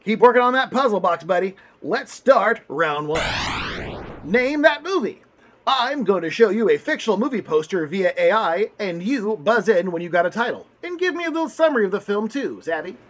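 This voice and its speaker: A man's voice: high voice, expressive, normal speed, slight background noise. A man hosting a puppet comedy game show with a bombastic showman manner. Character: orange furry host puppet.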